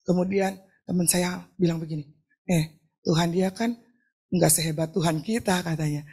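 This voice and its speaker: A middle-aged woman pastor from Indonesia preaching a lively, joking sermon with a personal testimony, often asking the crowd to answer back. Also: fairly low pitch, moderate pace, breathy edge. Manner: chatty, joking, asks the crowd for replies; acts out quoted talk in shifting voices. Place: church hall.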